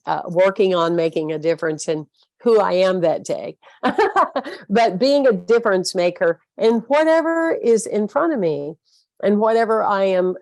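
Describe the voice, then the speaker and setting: Slow, earnest Southern woman. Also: mid-range voice, a little mellow, dry recording. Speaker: spiritual speaker. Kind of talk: inspirational talk.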